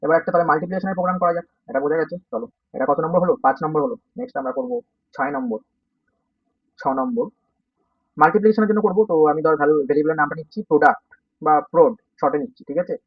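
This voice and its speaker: Soft-spoken Bengali male coding teacher. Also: fairly high pitch, lively intonation, rapid-fire, dry recording. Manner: informal, checks understanding often. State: sore throat, speaking softly. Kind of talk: coding lesson. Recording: dull, dry, slightly distant.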